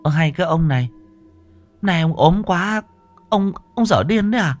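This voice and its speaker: A man's voice: high-pitched, lively intonation, moderate pace, soft background music, pitched above the performer's own voice. A man voicing a scolding middle-aged village wife who brushes off her husband's fears. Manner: sharp, nagging, brushing things off. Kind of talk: horror story narration.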